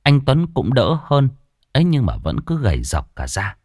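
A man narrating a ghost story in an expressive, animated storytelling manner. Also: moderate pace, dry recording, clean studio sound. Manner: lively, expressive storytelling with big pitch swings.

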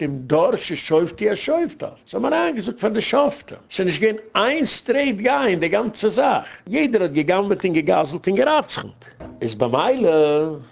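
A rabbi giving a Torah talk in a gravelly, fry-laden voice that sits fairly high for a man. He preaches with a sing-song lilt and keeps asking rhetorical questions. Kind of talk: Yiddish Torah sermon.

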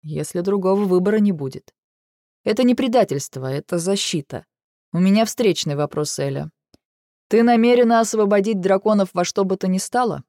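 A woman voicing a brooding, stubborn male dragon in an audiobook, speaking in a calm, dry, measured way. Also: medium pitch, no room sound, natural voice. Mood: earnest. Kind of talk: audiobook character reading.

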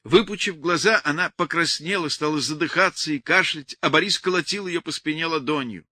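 A man narrating a novel aloud with lively, expressive storytelling. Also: on the high side, a little fast, dry recording, clean studio sound. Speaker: audiobook narrator. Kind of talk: scripted narration.

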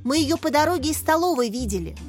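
A woman's voice: high voice, lively intonation, fast talker, soft background music, pitched above the performer's own voice. A woman voicing a cheeky prankster schoolboy who talks eagerly and playfully, drawing out his boasts. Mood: excited mischief.

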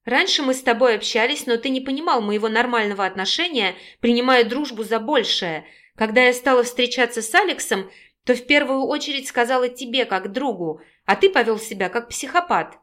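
Woman reading a scornful, sharp-tongued young woman. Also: on the high side, brisk, natural voice. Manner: snapping, sarcastic. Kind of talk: audiobook character reading.

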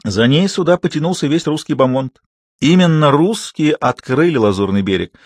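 A male narrator gives voice to an aging French gentleman full of reckless excitement, declaring everything grandly. The voice is lifted well above the reader's own and keeps a husky edge. It sounds like a character in a dry, close audiobook reading. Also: fairly high pitch, normal speed, no room sound, voice pushed up. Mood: expansive. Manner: grand, effusive, exclaiming.

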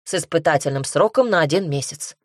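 A woman's voice: deep voice, expressive, a little fast, no echo, studio quality. A woman voicing a haughty, stubborn male lord and single father in a fantasy audiobook, speaking curtly. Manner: arrogant, curt.

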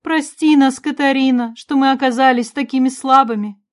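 A woman's voice: steady tone, close to an everyday voice. Woman voicing a tearful older queen mother. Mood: tearful, pleading. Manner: high, loud, slow and sobbing.

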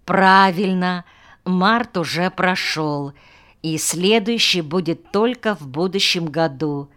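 A patient village schoolteacher, as a woman reader plays him speaks in a mildly chiding, coaxing way, asking his pupils question after question. The voice is smooth and clear, and it moves slowly. This comes from a storybook audiobook. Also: lowish voice, fairly bright tone. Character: patient male village schoolteacher, gently reproachful. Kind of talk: audiobook character voice.

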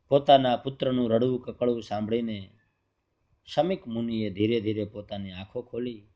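A man narrating a sacred text in a steady, even reading voice. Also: lowish voice, muffled recording. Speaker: scripture reader.

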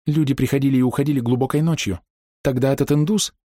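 A man's voice: medium pitch, fairly even intonation, fast, dark tone, no echo, studio quality, voice pushed up, natural voice. A man reading aloud and voicing a frightened young woman who pleads anxiously. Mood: pleading.

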